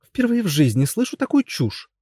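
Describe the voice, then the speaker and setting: Figure: capricious princess, voiced by a man. Pitch: raised. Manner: petulant. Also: very animated, a little fast, darkish tone, dry recording, studio quality. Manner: petulant, scolding. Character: haughty young princess, capricious and impatient. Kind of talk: audiobook character voice.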